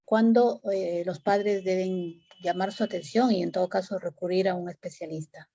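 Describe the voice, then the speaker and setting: A woman moderator with a Peruvian Spanish accent, reading out an audience question with a hesitant, halting delivery. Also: on the low side, fairly even intonation, mellow, no room sound, lo-fi sound.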